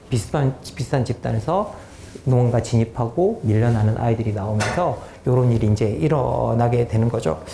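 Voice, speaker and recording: A man's voice: on the high side, mellow, reverberant, a little hiss or hum. A man in his fifties giving a public lecture, explaining research findings and posing questions to the audience. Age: 50s. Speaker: lecturer, political philosopher. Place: lecture room.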